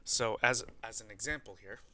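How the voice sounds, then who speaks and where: Bright-voiced man dictating math notation while teaching. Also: fairly low pitch. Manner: dictates notation slowly piece by piece as written. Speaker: math teacher giving a lecture. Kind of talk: board lesson, explaining while writing out notation.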